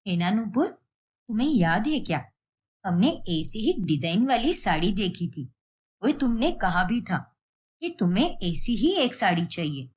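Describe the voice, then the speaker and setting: Woman as a sweet young cartoon wife, gentle and reassuring, lively voice. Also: medium pitch, measured pace, husky. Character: young married woman, kind and loyal. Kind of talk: animated storybook voice acting.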